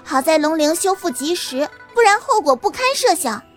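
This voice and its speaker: A woman's voice: extremely high pitch, lively intonation, normal speed, faint music behind. A woman playing an earnest, naive young woman explaining things in an audio drama.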